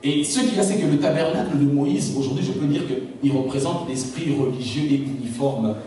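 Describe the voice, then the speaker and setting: In a large church hall, a Lingala-speaking pastor delivers a sermon, again and again asking the room if they're following him. His medium-pitched voice is warm and moves a little fast. The hall is very echoey, the mic is distant, and there's faint noise.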